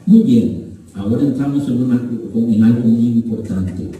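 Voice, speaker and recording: Costa Rican man lecturing in a dark, boomy hall. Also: moderate pace. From Costa Rica. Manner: reads passages then explains in animated asides. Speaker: humanities lecturer. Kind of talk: literature lecture, reading aloud and commenting. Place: museum auditorium. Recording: echoey auditorium from far off.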